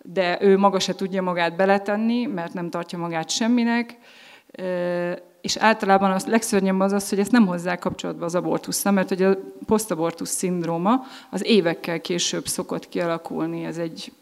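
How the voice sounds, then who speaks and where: A woman's voice: on the low side, fairly even intonation, big-room sound. A woman giving an earnest personal testimony, often hesitating and restarting as she speaks.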